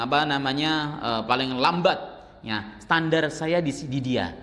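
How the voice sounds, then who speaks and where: A middle-aged man teaching a study circle in a mosque, talking in a fairly high voice. He keeps it conversational, slipping in teasing asides. A long hall reverb trails every phrase. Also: fairly bright tone. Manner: conversational, teasing asides, chants verses in demonstration. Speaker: Islamic teacher.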